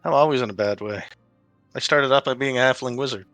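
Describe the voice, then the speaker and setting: Man, forceful bright tone, dry sound, casual tabletop player, faint music. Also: medium pitch, fast talker. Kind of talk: casual game-table chat.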